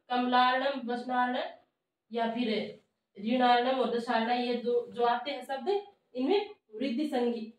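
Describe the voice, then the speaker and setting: A woman with a high voice teaches a grammar lesson, slowly repeating each term as if she were dictating it. She sounds set back from the mic in a strongly echoing room. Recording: echoey room, voice from far off.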